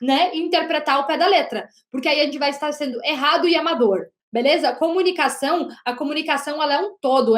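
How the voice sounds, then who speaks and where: A woman teaching an online lesson on body language as a communication coach, talking loudly and emphatically and often checking in with the audience. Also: high voice. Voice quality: loud, projecting voice. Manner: emphatic, with frequent "né?" and "gente". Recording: roomy echo.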